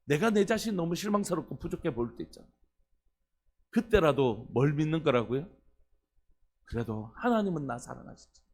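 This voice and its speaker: A pastor preaching an earnest early-morning sermon, putting questions to the congregation. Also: male voice, on the high side, very animated, moderate pace, pauses often.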